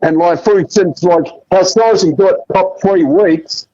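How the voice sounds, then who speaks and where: A man's voice: high-pitched, unhurried, mellow, dry recording. A man phoning in to a talk show, speaking hesitantly with lots of fillers, his voice muffled as if he were inside a fishbowl. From Australia. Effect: muffled phone line, like inside a fishbowl. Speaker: caller. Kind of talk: casual call-in chat. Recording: dull muffled phone line.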